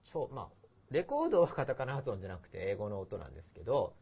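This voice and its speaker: Guy hosting a chatty podcast, talks super fast, voice jumps all over, kinda husky. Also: fairly low pitch, sing-song, dark tone. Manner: rambling, self-deprecating, laughs at himself. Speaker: host. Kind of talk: casual podcast chat.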